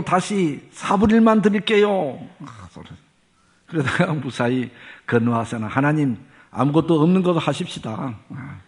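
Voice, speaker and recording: A man preaching a sermon, telling a story and then teaching in a measured way that rises for emphasis. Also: mid-range voice. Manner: measured preaching with rising emphasis and drawn-out pauses. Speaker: pastor.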